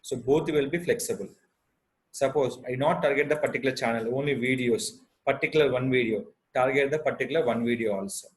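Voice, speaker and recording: A man with an Indian Telugu accent presents an unscripted step-by-step software tutorial in halting, repetitive instructional phrases. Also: mid-range voice, low-quality recording.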